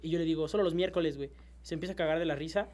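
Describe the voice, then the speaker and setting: A young man with a Mexican accent, telling excitable, slangy stories in casual chat. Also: fairly high pitch, very fast.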